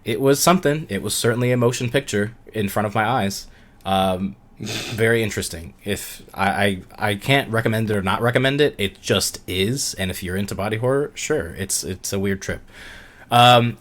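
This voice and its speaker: A man with a lowish voice, a little roughened by illness, co-hosts a podcast. He rambles casually with plenty of fillers. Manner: rambling, filler-heavy, laid-back. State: slightly sick voice. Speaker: podcast co-host.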